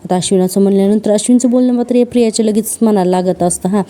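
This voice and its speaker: A woman's voice: medium pitch, rapid-fire, dark tone. A woman casually retelling a TV serial episode, talking straight to the viewer. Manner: chatty, addresses the viewer directly. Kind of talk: casual episode recap narration.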